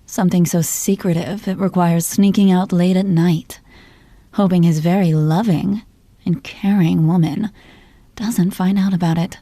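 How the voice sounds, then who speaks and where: A woman playing a jealous, possessive girlfriend in an ASMR role-play, teasing and interrogating her partner in a slow, controlling murmur. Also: lowish voice, steady tone, mellow, no room sound. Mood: jealous, probing.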